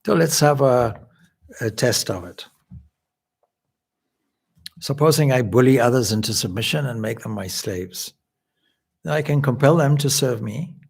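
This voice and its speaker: A man from Zimbabwe delivers a spiritual lecture as a swami, explaining points in a measured way. His voice is gravelly with a husky edge. He sits at a middle pitch. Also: expressive. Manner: measured, explanatory, with occasional restarts. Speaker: swami giving a spiritual talk.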